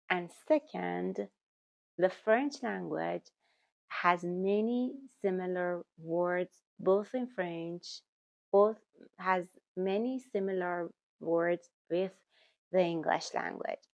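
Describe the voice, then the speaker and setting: A language-learning YouTuber whose first language is German talks to camera giving tips, speaking slowly and deliberately and often repeating words or correcting herself. Her voice is fairly low and gravelly. The recording is close and dry, with no echo.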